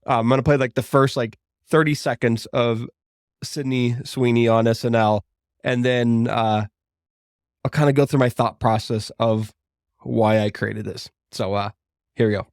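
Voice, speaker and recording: A man's voice: mid-range voice, fairly even intonation, normal speed, clear, resonant tone, no room sound, clean studio sound. Chatty man hosting a solo podcast. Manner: chatty and upbeat, rambling asides. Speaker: podcast host. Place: home podcast studio.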